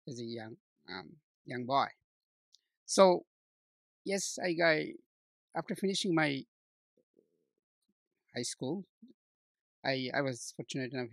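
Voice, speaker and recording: A man in his sixties from Bangladesh, talking as an interview guest, halting often with fillers and restarts. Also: medium pitch, no room sound. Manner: hesitant, many restarts and fillers, warm laughs. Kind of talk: conversational interview.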